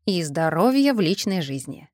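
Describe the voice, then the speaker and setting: A woman voicing a calm, composed older male magister who speaks with dry, polite irony in an audiobook. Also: fairly low pitch, normal speed, no echo. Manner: unruffled, dryly ironic.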